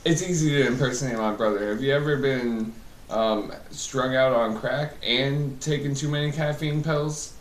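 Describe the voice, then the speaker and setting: A man's voice: mid-range voice, normal speed. A man giving crude, irreverent comic answers as the guest in an improvised mock interview. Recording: echoey room, distant mic, background noise.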